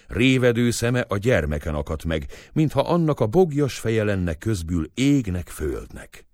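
A man reading a story as narrator, in an expressive storytelling way. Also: fairly low pitch, no room sound, clean studio sound. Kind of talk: scripted narration.

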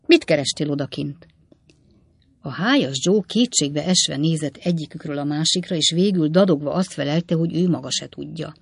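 A woman narrating a classic novel as an audiobook in a measured, even storytelling manner. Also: low-pitched, gravelly, slightly rough, no room sound. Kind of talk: scripted narration.

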